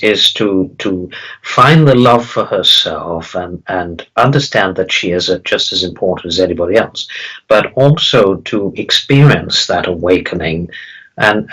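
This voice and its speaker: Guy doing a calm spirit guide like a seance medium, husky low voice, solemn, halting, repeats himself. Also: full character voice, poor audio. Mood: solemn, instructive. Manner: halting, repeats words, solemn explanatory teaching. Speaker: trance channeler answering questions as a spirit guide. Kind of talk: seance medium channeling session.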